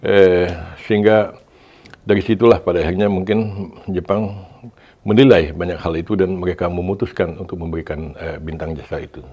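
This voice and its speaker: A man in his sixties, a former ambassador, answering interview questions over a video call in a measured way with many hesitations. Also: low voice, fairly even intonation, a little mellow. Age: 60s. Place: Tokyo.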